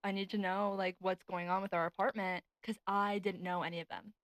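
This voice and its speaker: A woman's voice: mid-range voice, level tone, fairly quick, fairly bright tone, no room sound, poor audio. Chatty nineteen-year-old woman podcaster. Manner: chatty, laughs often, lots of "like". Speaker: podcast co-host. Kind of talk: casual chat. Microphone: desk podcast mic.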